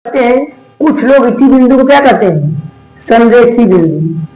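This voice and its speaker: Male tutor, high-pitched, call-and-response lecturing, roomy echo. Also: expressive, darkish tone. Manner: asks questions and answers them himself, repeating key terms slowly. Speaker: maths teacher. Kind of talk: classroom lecture. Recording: echoey room.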